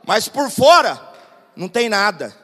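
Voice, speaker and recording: A man São preaching a sermon as pastor, swinging between shouted exhortation and quiet storytelling. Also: high-pitched, big pitch swings, measured pace. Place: large church hall. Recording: long church-hall reverb.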